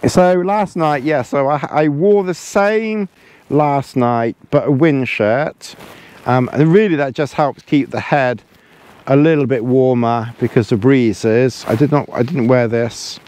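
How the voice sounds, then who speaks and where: A man reviews camping gear from inside a small tent, tucked in a sleeping bag. This outdoor gear vlogger is chatty and rambling, repeating words and chuckling, with a mid-range, a little mellow voice at an unhurried pace.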